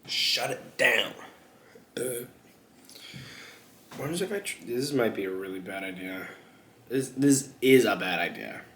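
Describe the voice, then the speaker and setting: A man's voice: on the low side, animated, a little slow, long pauses. A young man chatting casually while eating on camera, rambling and crude with lots of jokes. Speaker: mukbang vlogger. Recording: echoey room with faint background noise.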